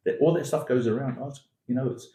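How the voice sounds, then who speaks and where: A man's voice: mid-range voice, steady tone, brisk, warm tone, reverberant, low-quality recording. A man from Singapore, founder of an education academy, talking emphatically as a podcast guest and building his points with repeated lines and long metaphors. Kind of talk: conversational podcast interview.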